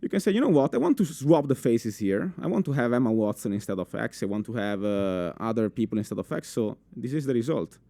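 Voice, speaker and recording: A young man with an Italian accent gives an animated live talk to a full conference room, full of fillers and restarts, and quizzes the audience. His medium-pitched, creaky voice is brisk with hardly any pauses, and there's no echo.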